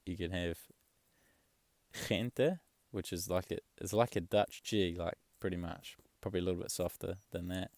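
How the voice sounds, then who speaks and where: Deep gravelly man, easygoing. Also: a little fast, hardly any pauses, no room sound. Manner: relaxed, rambling, swears casually. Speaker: travel vlogger. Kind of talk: casual chat.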